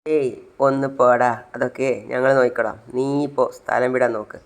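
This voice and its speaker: Arrogant bully figure, slow and gravelly, narrator putting him on. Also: male voice, medium pitch, level tone, close to an everyday voice. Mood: sneering. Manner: sneering, bossy. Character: arrogant man throwing someone out.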